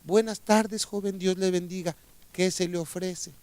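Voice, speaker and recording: A man voicing a sweet, gentle old woman who speaks softly and tenderly. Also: sits high, fairly even intonation, measured pace, no echo. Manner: soft, tender and quiet.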